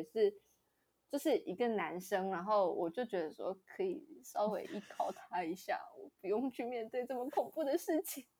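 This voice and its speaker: A young woman telling a story on a casual chat show in a slightly high voice. She is animated, laughs often and acts out the other people's lines as she goes. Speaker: podcast co-host.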